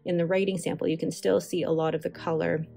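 A stationery channel host of Filipino heritage talks fast through a casual voice-over while swatching inks, full of chatty enthusiasm and rambling asides. Her fairly low voice has vocal fry and little pitch movement. Soft music plays faintly behind the separately recorded voice-over.

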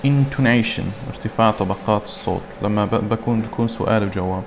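A man teaching an English lesson. He reads English words slowly and then translates them. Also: fairly low pitch, background noise. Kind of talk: recorded classroom lesson.

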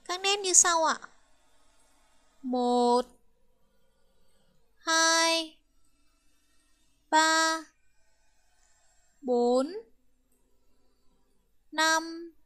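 A woman teaching Chinese with a Vietnamese accent, counting strokes aloud and drilling words slowly and carefully. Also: very high voice, fairly bright tone. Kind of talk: slow, careful language lesson.

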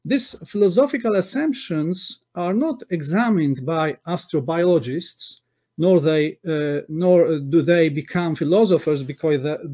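A man whose first language is Polish, giving a measured academic conference talk over a video call, with frequent "uh" pauses and self-corrections. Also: fairly high pitch, darkish tone. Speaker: conference speaker. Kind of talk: academic lecture over slides. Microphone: webcam on a video call.

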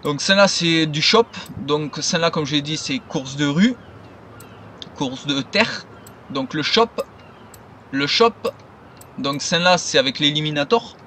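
A man's voice: on the high side, bright, forceful tone, slight background noise. Rambling casual man over game sounds. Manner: rambling, loose and unscripted. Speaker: gaming video creator. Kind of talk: casual gameplay commentary.

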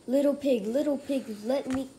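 A woman voicing a big bad male wolf who loudly demands to be let in, reading from a storybook. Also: high voice, fairly even intonation, moderate pace, creaky, a little hiss or hum, low-quality recording. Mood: demanding. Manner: loud, shouted threats.

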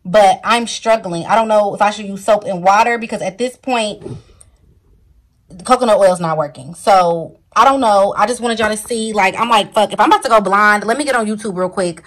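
A woman's voice: mid-range voice, fairly quick. A woman vlogging at home at night, sore and near tears, talking straight to her viewers in distress. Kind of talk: casual vlog talk to camera.

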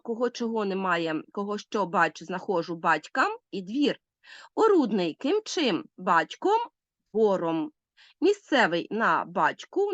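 A woman teacher giving a recorded school lesson, speaking clearly and instructively. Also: medium pitch, dry recording, lo-fi sound. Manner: clear, instructive, lively intonation.

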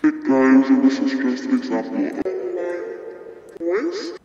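A woman's voice: huge pitch swings, unhurried, dark tone, highs cut off, soft background music. Woman's voice under an underwater filter. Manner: short demo phrase. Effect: underwater filter, deepened with heavy echo. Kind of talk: sample voice recording. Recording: filtered clip with long, roomy echo.

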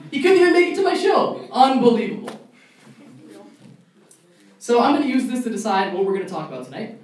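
A man's voice: very high voice, very animated, a little fast, a little mellow. A young man doing a stand-up comedy set at a college club show, ranting in mock outrage. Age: young adult. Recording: echoey room, mic far off, faint noise.

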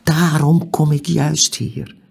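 An old hooded stranger pleads for help in an urgent whispered role-play, as a man reading a storybook puts him on. The hushed voice is gravelly and very breathy, and sits higher than the reader's own. It is unhurried even when urgent. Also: exaggerated voice.

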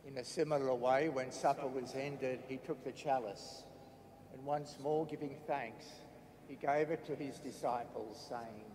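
A priest reciting the prayers of the Mass in a measured, solemn intoning voice, with cathedral echo. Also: male voice, mid-range voice, steady tone, a little mellow. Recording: echoey church with long reverb, faint background noise.

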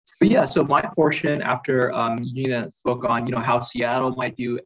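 A man's voice: mid-range voice, steady tone, normal speed. A man taking over a webinar presentation on a video call. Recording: muffled video call audio.

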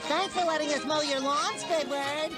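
An actor voicing a cheerful, eager young sea sponge in a cartoon, talking in an excitable, squealing, giggly manner over loud music. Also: male voice, very high-pitched, moderate pace.

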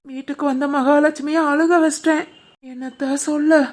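A woman voicing a soft-hearted village mother in an animated family drama, gentle and pleading, with a southern Tamil Nadu village dialect. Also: high voice, moderate pace, natural voice.

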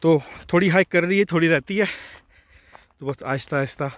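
A man's voice: fairly high pitch, a little fast, no room sound. A man casually narrating a travel vlog, chatting to viewers and pointing out the views while out on a mountain and then in a hilltop restaurant. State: short of breath while hiking. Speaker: travel vlogger.

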